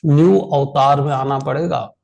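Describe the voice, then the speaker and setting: An Indian man leading an online insurance sales training, tired after a long meeting, speaking slowly and repeating key phrases for emphasis. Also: fairly high pitch, fairly even intonation, vocal fry, darkish tone, low-quality recording.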